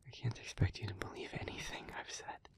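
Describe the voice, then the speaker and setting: In an intimate audio roleplay, a man voices an earnest, analytical demon who is gently devoted and restrained. He speaks in a hushed, breathy whisper close to an everyday voice, measured, deliberate and halting, with formal wording and a pleading, tender mood.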